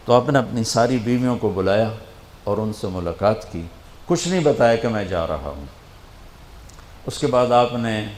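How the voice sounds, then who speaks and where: Older guy preaching, low voice, goes dramatic then quiet, echoey hall, faint hum behind. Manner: dramatic, quotes figures in a hushed voice. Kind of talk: emotional sermon storytelling.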